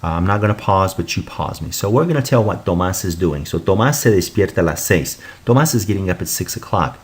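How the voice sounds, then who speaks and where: Deep, animated, and quick-paced, a man's voice carries a recorded Spanish lesson. He explains patiently and repeats examples before offering their translations.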